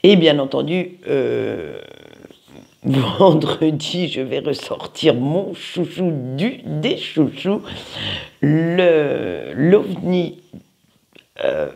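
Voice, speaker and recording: Card reader, weekly tarot reading, chatty and playful, speaks straight to viewers, lively swooping pitch, husky. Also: very slow. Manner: talks straight to viewers, peppering lines with "hein"; playful, chatty, searches for words aloud.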